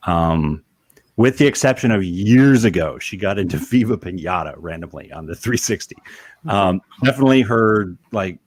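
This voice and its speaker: A man hosting a casual podcast chat with friends, animated and teasing, laughing often. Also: sits low, moderate pace, breathy edge, no room sound. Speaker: podcast host.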